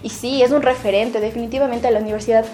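A woman's voice: fairly high pitch, fairly even intonation, fast, mellow, soft background music. A young woman from Ecuador, an economics student, answering assertively in an interview.

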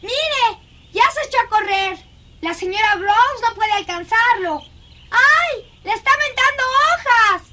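A woman's voice: sits high, animated, normal speed, background noise. A woman dubbing a dreamy, eerie little girl who is fascinated by dead beetles, in a lingering, singsong, childlike way. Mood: excited. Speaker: dubbing actress. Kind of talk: film dubbing.

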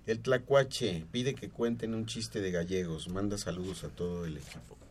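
A man on a radio show reading out listener messages in a plain, brisk manner. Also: sits low, darkish tone. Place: radio studio.

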